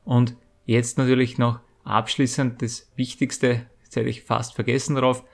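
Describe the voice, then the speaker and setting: Deep-voiced man, slightly gravelly. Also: level tone, unhurried. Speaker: YouTube channel host. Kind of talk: scripted giveaway announcement to viewers.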